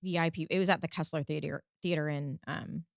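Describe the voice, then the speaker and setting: A woman from Texas talks as a podcast guest in a relaxed, chatty way, laughing easily and drifting into side stories. Her voice sits a little low for a woman. The recording is dry and close, with no room sound. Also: a little fast, vocal fry, no room sound. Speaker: podcast guest, singer-songwriter. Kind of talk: casual interview chat.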